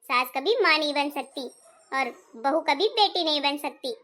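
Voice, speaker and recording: A woman voicing a sad, dutiful young daughter-in-law who complains softly, in a family skit. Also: sits high, moderate pace. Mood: subdued. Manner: complaining, soft-spoken.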